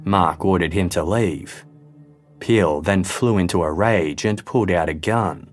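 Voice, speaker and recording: A man narrating a true-crime podcast in a measured, sober, scripted way. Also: low voice, soft background music.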